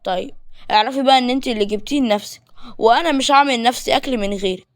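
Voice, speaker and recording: A woman voicing a bossy, teasing young man with an Egyptian accent in a storybook reading, talking loudly. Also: fairly high pitch, racing, close to an everyday voice. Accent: Egyptian Arabic. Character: pushy, teasing young man, playful and stubborn.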